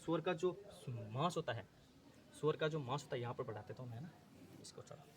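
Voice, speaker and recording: A man's voice: medium pitch, lively intonation, a little fast. A male teacher running an exam-prep lesson, repeating terms, asking and answering his own questions, often correcting himself.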